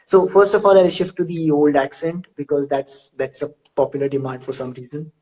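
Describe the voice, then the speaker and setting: A young male host with a slightly high voice chats with an old school friend over a video call. He laughs often, hesitates and stumbles over repeated words as he asks his questions. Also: brisk, darkish tone, rough recording. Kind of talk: casual video-call interview.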